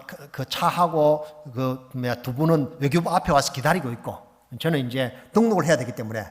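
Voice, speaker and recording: A middle-aged man, a missionary preacher, telling a lively story in a sermon and acting out the phone calls. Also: medium pitch. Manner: animated, acts out phone calls and exclamations. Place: church sanctuary. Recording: long reverb of a church hall.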